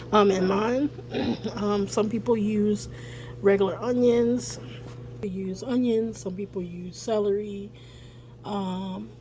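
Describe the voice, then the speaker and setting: A family vlogger with a medium-pitched, slightly mellow, scratchy voice chats casually through a home cooking video, full of ums and frequent throat clearing. She films on her phone camera, later set on a mount, in her home kitchen while a dryer runs in the background.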